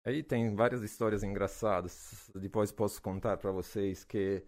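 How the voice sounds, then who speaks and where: A man in his forties from Naples with an Italian accent, a physics professor answering interview questions in a relaxed way, with frequent hesitations and fillers. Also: lowish voice, a little slow. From Naples, southern Italy. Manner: hesitant, many "ah" fillers, laughs easily.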